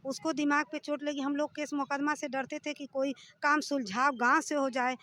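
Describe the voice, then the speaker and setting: A high-pitched woman speaks in a distressed, pleading rush as she is interviewed outdoors for a news report. She tells a long, run-on account from beside a demolished house. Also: level tone, normal speed, sharp tone. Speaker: interviewee, family member of the house owner.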